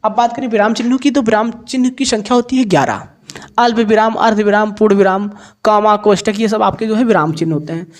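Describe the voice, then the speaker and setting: A man's voice: high-pitched, steady tone, fast talker. Guy going thru exam questions, explains step by step, says each definition twice. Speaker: teacher. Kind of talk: exam paper solution lesson.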